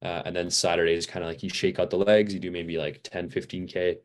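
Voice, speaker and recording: A man's voice: sits low, little pitch movement, quick pace. A man in his twenties, a podcast guest, talking in a loose casual way full of fillers and restarts, a little tired. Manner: rambling, many fillers and restarts. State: a little fatigued. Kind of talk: casual interview chat.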